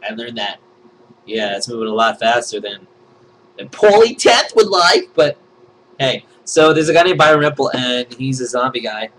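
A man's voice: mid-range voice, normal speed, fairly bright tone, a little hiss or hum, poor audio. A man vlogging in a casual chat about trending topics, joking and rambling, now and then slipping into silly put-on voices.

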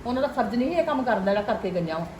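A woman playing a sharp-tongued, defiant middle-aged mother-in-law who scolds loudly and sarcastically. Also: on the high side, animated, rapid-fire, reverberant, slight background noise, lightly acted. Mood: complaining. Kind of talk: acted family drama.

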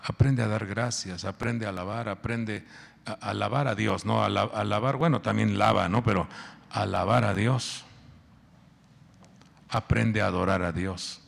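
A male pastor preaching a sermon, animated and quizzing the congregation. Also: on the low side, normal speed, gravelly, big-room sound.

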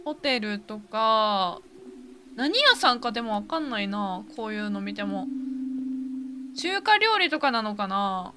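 Here a woman gives relaxed game commentary while playing, jumping at scares with frequent startled outbursts and repeated words. Her medium-pitched voice is sing-song and unhurried, heard against a noisy background.

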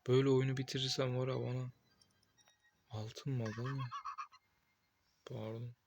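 A young man playing a horror game, talking to himself with excited outbursts and cursing at the game. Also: mid-range voice, normal speed, background noise. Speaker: gameplay streamer. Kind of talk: casual gameplay commentary.

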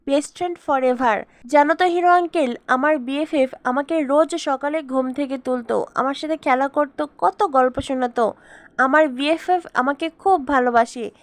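A woman's voice: sits high, normal speed, no room sound, natural voice. A woman reading the lines of a chatty, curious little girl in a spoken story recap. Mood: eager.

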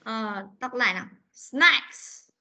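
A woman's voice: on the high side, lively intonation, moderate pace, bright, forceful tone. A woman teaching an online class on a video call, coaxing pupils and repeating words for them to echo. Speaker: English teacher. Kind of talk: online class pronunciation drill. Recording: dull lo-fi meeting recording.

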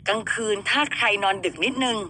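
A woman's voice: on the high side, brisk, sharp tone, a little hiss or hum. Chatty woman radio host. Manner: chatty, asks listeners and co-host rhetorical questions. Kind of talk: casual radio chat.

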